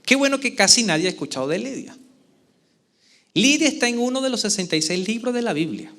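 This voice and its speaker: High-pitched preacher guy giving a sermon in church, expressive, keeps asking the crowd stuff. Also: brisk. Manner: expressive preaching, asks the congregation questions. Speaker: pastor. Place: church service before a congregation.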